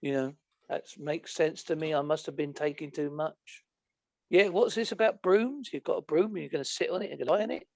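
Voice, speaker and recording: British man, guest on a podcast, high-pitched, dry close sound, jokey and sarcastic. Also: fairly quick, vocal fry, no room sound. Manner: joking, chatty, sarcastic. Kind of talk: casual chat.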